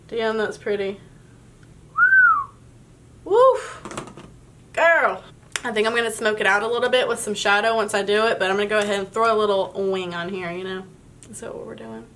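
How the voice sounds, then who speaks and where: A woman's voice: mid-range voice, a bit bright, slight background noise, low-quality recording. A young woman vlogger chatting candidly as she does her makeup, telling a wild story and swearing freely. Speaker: beauty vlogger. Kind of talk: casual makeup tutorial with storytelling.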